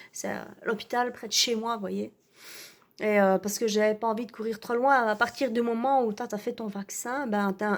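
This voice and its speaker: A woman playing an indignant, self-righteous vaccinated woman in an ironic rant, full of hesitations and tag words. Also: on the high side. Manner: hesitant, full of "euh" and "hein". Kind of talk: ironic satirical rant to camera.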